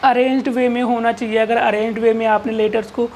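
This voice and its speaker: A woman's voice: on the high side, flat delivery, a little fast, darkish tone, slight background noise. A woman teaching an exam-prep English grammar lesson, asking rhetorical questions and answering them herself. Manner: repeats key terms, drills with "ठीक है". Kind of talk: exam-prep classroom lecture.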